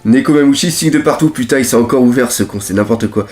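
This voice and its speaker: A man in the middle of his usual pitch range reads a comic chapter aloud live and reacts as he goes. He is excitable and exclaims and swears often. Faint music plays underneath him. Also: fast. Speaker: manga reaction host.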